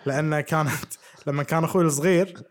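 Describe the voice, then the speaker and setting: A man co-hosting a casual podcast. He talks quickly in a slightly high voice. He is playful and keeps quizzing his friend. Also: fairly even intonation. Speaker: podcast co-host. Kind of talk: casual chat.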